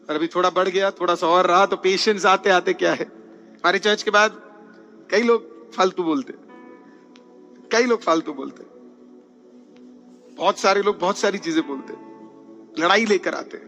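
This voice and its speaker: A man preaching a sermon in a high, bright voice, calling out hallelujah between points and mixing in English phrases. Faint music plays softly underneath him. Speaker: pastor. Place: church.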